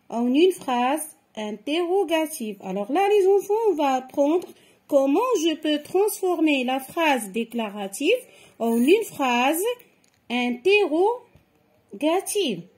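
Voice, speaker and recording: A woman's voice: sits high, darkish tone. A woman teaching a grammar lesson to children, explaining patiently and step by step. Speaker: French teacher.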